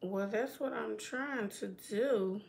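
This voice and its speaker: Woman host, casual live chat from home, unhurried delivery, talks to viewers and her plants, hushed asides now and then. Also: medium pitch, gravelly. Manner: slow, chatty, talks to her plants and to viewers reading comments. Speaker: vlogger hosting a live stream.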